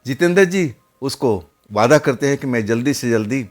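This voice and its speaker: A man's voice: medium pitch, lively intonation, normal speed. A man narrating a horror story in a casual, conversational way, often repeating his phrases.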